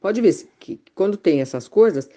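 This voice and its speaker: A woman talking frankly about her frustrations in a casual reflective conversation, halting often with fillers and restarts. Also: medium pitch, expressive, dark tone. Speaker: conversation partner in spiritual talk.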